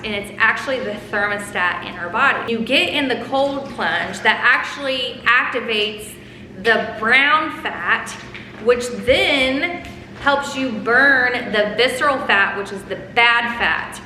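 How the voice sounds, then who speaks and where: A woman's voice: a little high, slow pace, pushed and bright. A woman hosting a casual vlog, explaining things enthusiastically to viewers. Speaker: host of a family vlog. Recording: echoey room with faint background noise.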